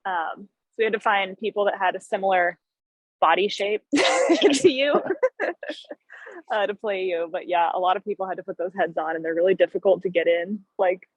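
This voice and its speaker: A woman's voice: medium pitch, animated, normal speed, dry recording, rough recording. A woman musician being interviewed, upbeat and laughing often. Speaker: musician guest. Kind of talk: casual interview chat.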